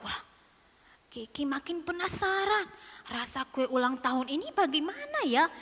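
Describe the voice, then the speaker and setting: A woman voicing a curious, mischievous little younger sibling who talks in a slow, pleading childlike way. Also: sits high, big pitch swings, bright, forceful tone, in a large hall, full character voice. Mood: sneaky.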